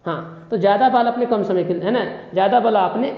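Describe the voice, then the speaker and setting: A man's voice: sits high, brisk. Guy teaching physics, keeps asking questions and repeating himself, roomy echoey sound. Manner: questioning, quizzes listeners constantly; repeats key phrases. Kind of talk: classroom lecture. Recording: dull, echoey room with long reverb.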